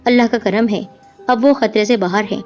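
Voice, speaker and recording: Woman voicing a gentle male doctor. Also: medium pitch, close to an everyday voice. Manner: gentle, reassuring. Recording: dull lo-fi with music behind.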